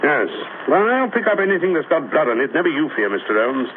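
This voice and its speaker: An actor playing a blunt, cocksure middle-aged police inspector in a 1940s radio mystery, stubborn and emphatic. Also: male voice, a little high, very animated, fast. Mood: gruff, confident. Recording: tinny, noisy 1940s radio recording.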